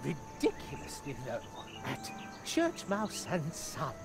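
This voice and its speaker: A man's voice: fairly high pitch, wildly swooping pitch, measured pace, creaky, exaggerated voice. An actor voicing a theatrical aging mouse merchant in a video game, a chatty doting father who hams up his stammering sales patter like a stage actor. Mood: showy, salesmanlike. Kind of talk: video game character acting. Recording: music behind the voice.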